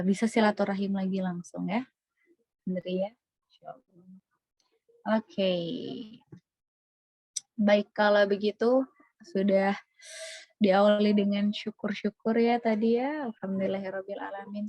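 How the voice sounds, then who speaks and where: A woman hosts a casual religious talk session, chatty and warm, sprinkling Arabic praise phrases and soft laughs. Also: mid-range voice, no room sound, dull audio. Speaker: host of an Islamic talk session.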